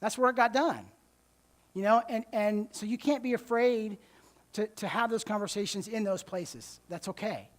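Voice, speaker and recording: Speaking at a moderate pace in a high voice, this American man delivers a conversational, sermon-style church talk. He often restarts, repeating words as he does, and checks in with listeners by asking "okay?" and "right?"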